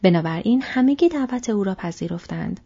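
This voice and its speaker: A woman narrating an audiobook in a steady, measured reading voice. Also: medium pitch, slightly rough, muffled recording. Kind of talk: scripted narration.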